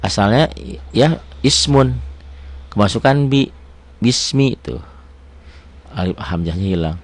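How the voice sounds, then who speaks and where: A man teaching tajwid in a chatty, self-assured way, breaking into slow melodic Quran recitation. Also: medium pitch, lively intonation.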